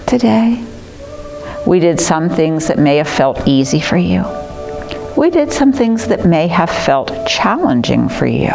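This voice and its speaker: A woman teaching a chair yoga class in a gentle, encouraging and soothing way, with music playing behind. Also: low voice, gravelly. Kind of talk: guided class instruction. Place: community arts center class room.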